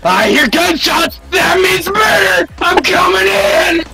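A man putting on an always-enraged male gamer persona in voice chat, screaming insults in a strained, gravelly voice. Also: very high-pitched, big pitch swings, slow pace, raised voice, music in the background, exaggerated voice, low-quality recording. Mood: furious. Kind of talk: in-game voice chat role-play.

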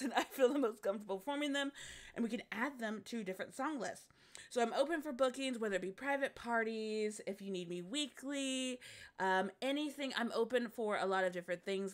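A woman's voice: fairly high pitch, a bit bright. A woman performer giving casual, friendly stage patter to her audience, thanking and encouraging them in a chatty way. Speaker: live singer and performer. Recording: music playing behind the voice. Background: music.

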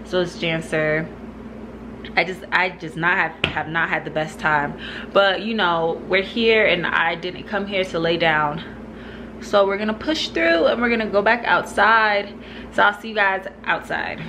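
A woman's voice: on the low side, measured pace, noisy background. A woman vlogging casually from a mountain rental cabin, chatty and correcting herself, short of breath. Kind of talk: casual vlog narration.

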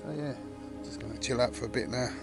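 A man's voice: medium pitch, fast, over loud music. A middle-aged man, chatting casually while filming himself outdoors at a woodland camp. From England. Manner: chatty, relaxed, upbeat. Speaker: outdoor vlogger. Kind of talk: casual vlog narration. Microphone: handheld action camera at arm's length.

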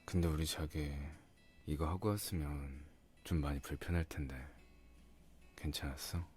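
A man playing a doting, teasing young boyfriend in an intimate ASMR ASMR role-play, murmuring softly and coaxingly close to the microphone. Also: a bass voice, steady tone, normal speed. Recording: music behind the voice.

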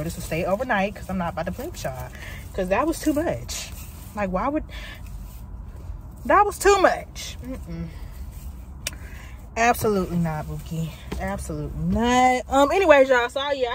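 A woman chats to her phone camera while sitting in her car, tossing in "like" and "y'all" constantly. She talks to her viewers loosely and easily, at a middling pitch for a woman. Faint car noise hums behind her. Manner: chatty, fills with "like" and "y'all", quick to exasperation. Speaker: vlogger. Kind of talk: casual chat to camera. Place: inside a car. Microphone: phone propped up in the car.

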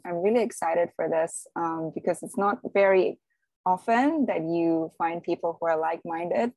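A woman in her thirties from Indonesia presents over a video call in a friendly way. Her voice is low-set and gravelly, and the sound is dry, with no room echo. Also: a little mellow. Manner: friendly, many "um" fillers. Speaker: guest speaker, postdoc. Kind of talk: casual presentation.

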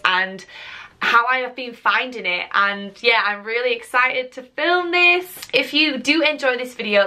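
A woman's voice: a little high, bright, forceful tone. A young woman from the UK, chatting enthusiastically to camera as a YouTuber. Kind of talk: casual vlog talk to camera.

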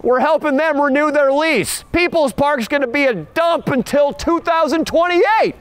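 Young male prank vlogger, high-pitched, shouty, mock-dramatic, outdoors. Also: normal speed, no echo. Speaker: prank video host. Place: outdoors in a city park.

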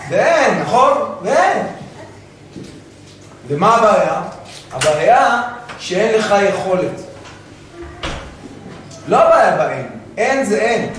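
A man giving an animated sermon as a rabbi, firing rhetorical questions and acting out little dialogues. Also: sits high, pauses often, a little hiss or hum. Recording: very echoey room, voice from far off.

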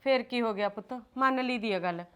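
In a film drama, a middle-aged actress plays a patient mother pleading for family peace, soothing and admonishing her grown children. Her voice is on the high side, a little fast, smooth, and close to everyday speech, with a soothing mood.

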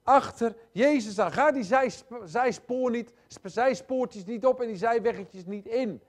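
High-voiced male preacher, emphatic and repetitive. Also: a little slow. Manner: emphatic, repeats phrases, swings between loud and hushed; addresses congregation directly. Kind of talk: sermon.

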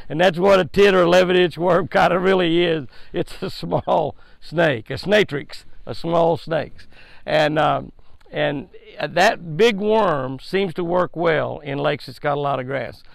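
A slightly high, creaky-voiced older man speaks at a measured pace, hosting a daily devotional that comes with a fishing tip. His preaching is folksy and emphatic, and he restates his points often. The headset mic recording, made outdoors beside a lake, has no room sound.

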